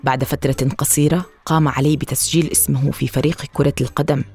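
A woman narrating a children's storybook in an expressive reading voice. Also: sits low, fast, slightly rough, soft background music.

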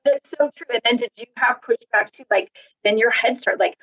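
Husky-voiced woman guest, chatty, acts out quotes as she goes, kinda muffled dull recording. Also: fairly high pitch, fairly quick. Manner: animated storyteller acting out quoted voices. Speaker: author and podcast guest. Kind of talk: casual faith-based conversation.

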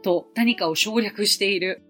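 A woman in her forties hosting a podcast English lesson, explaining clearly and gently and slowing down to model English phrases. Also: medium pitch, soft background music. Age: 40s. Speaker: English teacher and podcast host.

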